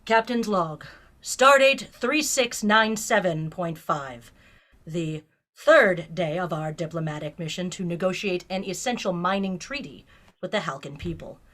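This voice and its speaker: A woman playing a principled, composed female starship captain in a sci-fi fan audio drama, speaking in a measured, formal way. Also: mid-range voice, expressive, fairly bright tone, natural voice. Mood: formal, reflective.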